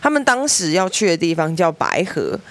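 A young woman with a Taiwanese Mandarin accent, hosting a podcast and telling family stories in a lively way, acting out relatives' voices. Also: lowish voice, normal speed. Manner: lively storyteller, mimics family members, laughs often. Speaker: podcast host. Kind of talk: storytelling monologue.

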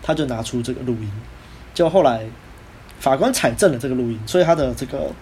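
A quick, animated man with a Taiwanese Mandarin accent, casually recounting a story as a podcast host. He slips into voices for the people he quotes, and his voice sits in a mid range over a faint hiss of room ambience. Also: mid-range voice.

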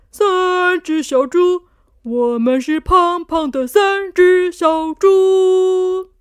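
A very high, squeaky little piglet boy from a children's storybook, cheerful and a bit boastful, as a woman puts him on. He talks slowly in a sing-song way. The sound is dry and close. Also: no echo, heavily acted. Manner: sing-song, friendly and chatty.

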